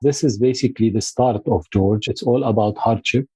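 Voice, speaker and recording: A man from Lebanon with a lowish, mellow voice that has a slightly husky edge. He speaks in a measured, storytelling way as a podcast guest. The sound is close and dry. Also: dry recording, poor audio. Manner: measured, storytelling, occasional restarts. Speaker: guest, consulting firm founder. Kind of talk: podcast interview.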